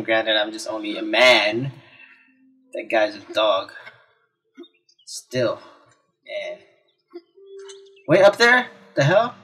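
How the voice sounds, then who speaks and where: With video game music in the background, a man offers casual let's play commentary, talking to himself with exclamations and reactions. His voice is medium-pitched, a little bright, and husky.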